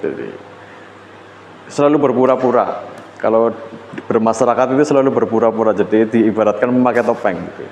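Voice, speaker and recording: A man delivers a relaxed university lecture, chatting to students with fillers and restarts. His voice sits at an ordinary middle pitch. The sound rings through a reverberant classroom with a faint hum of room noise behind it. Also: a little fast, long pauses, dull audio. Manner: casual conversational lecturing with fillers and self-corrections.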